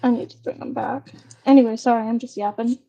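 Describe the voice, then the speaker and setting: A woman chatting casually beside a streamer, rambling and teasing in a relaxed way. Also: fairly high pitch, fast talker. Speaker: family member on stream. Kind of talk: casual chat.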